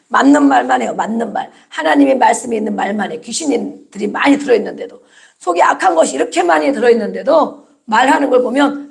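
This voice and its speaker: A woman's voice: fairly high pitch, vocal fry, a little mellow. A woman pastor preaching a Sunday sermon, emphatic and repetitive, often prompting her listeners with "amen" and rhetorical questions.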